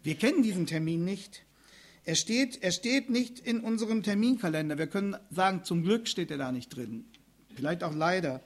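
A man's voice: a little high, darkish tone. A middle-aged pastor preaching a sermon, earnest and speaking directly to his listeners. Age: middle-aged or older.

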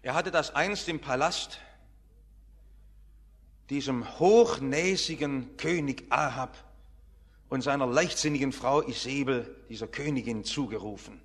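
A pastor preaching a harvest festival sermon in a church, dramatic, swinging between soft and loud. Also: male voice, medium pitch, unhurried, pauses often. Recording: long church reverb.

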